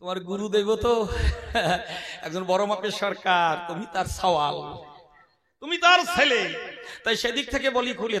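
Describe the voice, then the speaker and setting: A man performing a folk poetry debate at a festival, telling stories and reciting verse theatrically to an audience. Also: high voice. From India. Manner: theatrical storytelling, acting out dialogue. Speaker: kabigan folk poet-singer. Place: festival stage before an audience. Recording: live crowd noise behind.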